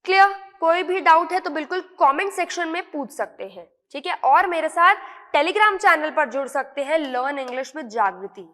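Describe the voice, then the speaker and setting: A woman's voice: very high voice, moderate pace, bright, forceful tone, in a large hall. A woman with an Indian accent teaching English vocabulary in an online lesson, repeating words and checking in with her students often.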